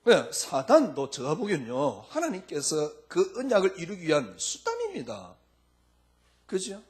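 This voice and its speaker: Animated preacher with very lively pitch. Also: male voice, unhurried. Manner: preaches with many rhetorical questions to the congregation; speaks informally and lively in the pulpit. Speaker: pastor. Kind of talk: sermon.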